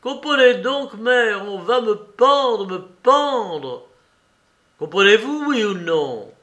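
A man's voice: fairly high pitch, slow pace, fairly bright tone. A man reading aloud, voicing a shivering young prisoner who snaps at his mother in despair. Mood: bitter desperate. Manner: irritated, desperate. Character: condemned young man, shivering, irritable and desperate.

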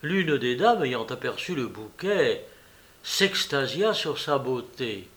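A man narrating a story in a measured audiobook reading. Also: mid-range voice, very animated, a bit bright.

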